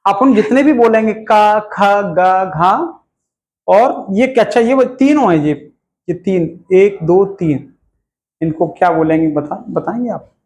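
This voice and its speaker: A male Hindi teacher in a classroom, teaching in a lively question-and-answer style and drilling the students with repeated questions. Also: sits high, a little slow, echoey room, poor audio.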